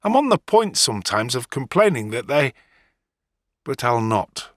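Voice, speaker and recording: An actor playing a sullen, wounded young farmhand in a dramatic audiobook, gruff and resentful. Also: male voice, mid-range voice, big pitch swings, normal speed, fairly bright tone, no room sound, clean studio sound. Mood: hurt, agitated.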